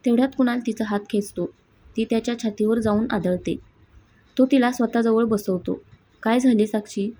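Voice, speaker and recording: A woman narrating a family drama story in a plain, steady storytelling manner, with a husky voice. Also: fairly high pitch, moderate pace, slight background noise, low-quality recording. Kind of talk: scripted narration.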